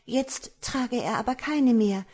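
Woman doing a young fairy-tale woman, high and urgent, a bit husky. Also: slow pace, darkish tone. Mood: brisk. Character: beautiful young woman, anxious and protective.

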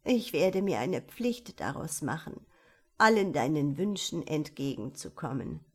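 A woman's voice: deep voice, animated, measured pace, a little mellow, breathy edge, voice pushed down, exaggerated voice. A woman voicing a lovesick little hunchbacked old man who pleads in sorrow, in a storybook reading. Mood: pleading.

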